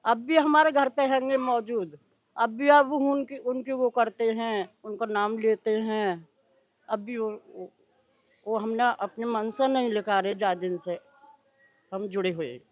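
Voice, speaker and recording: A woman answers questions in a field interview. She talks slowly, in halting, rambling sentences, and her voice sounds close and dry with no room echo. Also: fairly high pitch. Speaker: interviewee, devotee.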